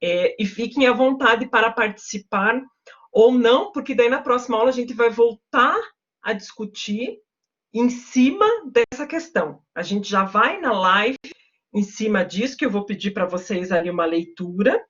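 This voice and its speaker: Chatty woman lecturer, slightly high voice. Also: expressive, moderate pace, fairly bright tone, lo-fi sound. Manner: chatty, emphatic, often addresses the class directly. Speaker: university lecturer. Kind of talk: online class lecture.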